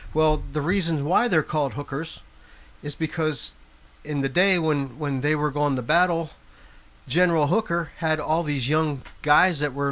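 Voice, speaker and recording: A man from a rock band telling a story in a relaxed interview. His voice sits a little higher than most men's. He rambles along, repeats words as he finds his way, and chuckles at his own tales. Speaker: band member. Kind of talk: casual interview chat.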